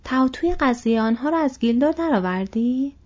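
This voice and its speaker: Perky, nosy young male hobbit, read by a woman; breathy, dull audio. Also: high voice, pitched above the performer's own voice. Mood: curious. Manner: lively, prying. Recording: dull lo-fi recording.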